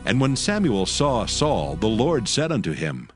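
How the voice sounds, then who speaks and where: A man's voice: medium pitch, very animated, measured pace. A man narrating a dramatized Bible audiobook in a formal storytelling delivery. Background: background music.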